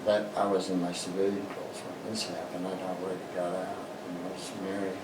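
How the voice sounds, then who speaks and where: An older American man speaks from a little way off in an echoing room. He is a veteran looking back on his life, plain-spoken and halting, in a low voice that stays fairly flat. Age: older, 60s or above. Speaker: interviewee, war veteran. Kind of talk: personal reminiscence in an interview. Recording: roomy, distant mic, noisy background.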